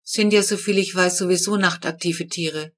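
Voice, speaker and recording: Storybook boy, calm and matter-of-fact, voiced by a woman. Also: on the low side, moderate pace, natural voice.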